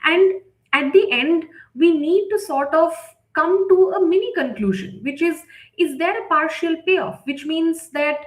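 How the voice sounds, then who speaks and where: A woman with a very high-pitched voice leads an instructional live webinar, speaking a little slowly in an echoey, roomy recording. She explains step by step in a conversational style, often checking in with tags like "right?" or "okay?".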